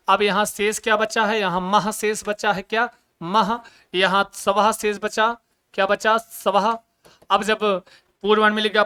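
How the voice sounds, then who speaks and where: Male coaching-class teacher, bright crisp voice, lively question-and-answer lecture style with jokes. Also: high-pitched. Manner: lively, asks questions and answers them himself; joking asides. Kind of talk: Hindi grammar lesson.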